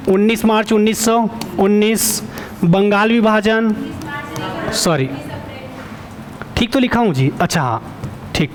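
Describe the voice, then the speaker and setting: Guy teacher doing an online exam prep class, kinda high voice, keeps asking the class stuff and saying okay, fixes his own slips. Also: slight background noise. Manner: quizzing, keeps asking students for answers; often fills pauses with a checking "okay".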